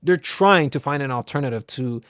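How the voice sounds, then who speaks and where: A man hosting a live online debate, pressing his opponent with quick, insistent questions. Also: mid-range voice, expressive, fairly bright tone, dry recording, studio quality. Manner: fast, pushy questioning, interrupts. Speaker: debate host.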